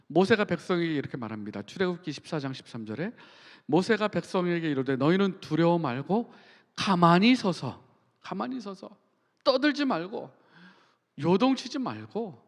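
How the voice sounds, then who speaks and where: Korean pastor preaching in an echoing church. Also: male voice, a little high. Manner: earnest preaching, reading scripture aloud with emphatic pauses. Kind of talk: sermon. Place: church sanctuary.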